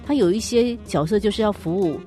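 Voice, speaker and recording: A woman's voice: medium pitch, brisk, mellow, faint music behind. A woman from Taiwan hosting a podcast interview, asking questions casually and giving many short affirmations. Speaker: podcast host.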